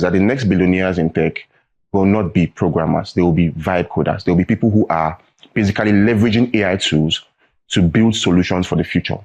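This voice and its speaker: As a guest in a studio interview, a tech training founder, a young man with a Nigerian accent, explains earnestly, frequently tagging on "right?" or "you know." His voice sits on the low side, a little mellow with a breathy edge.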